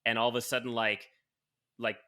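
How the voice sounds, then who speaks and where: A man's voice: medium pitch, flat delivery, moderate pace, bright, forceful tone, clean tone. A man co-hosting a podcast in casual chat, rambling with lots of fillers and swearing freely. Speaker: podcast co-host.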